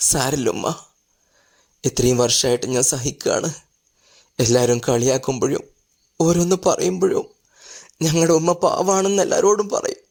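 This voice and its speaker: A middle-aged actor playing a gentle, devoted grown son, speaking softly and earnestly in a family drama. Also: male voice, a little high, steady tone, moderate pace, creaky, pauses often. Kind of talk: Malayalam family drama acting.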